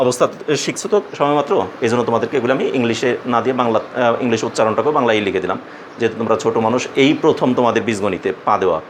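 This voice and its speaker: A man teaching a math class for young students, explaining step by step with many repeats, small pauses and check-in questions. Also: medium pitch, slight background noise. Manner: patient, repetitive explaining with frequent fillers and questions.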